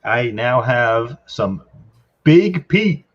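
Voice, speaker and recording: A man with a husky, slightly raspy voice, joking at his own expense during a tasting stream. His audio comes through dull and lo-fi. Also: medium pitch, very animated, extremely slow. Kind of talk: casual whiskey-tasting livestream chat.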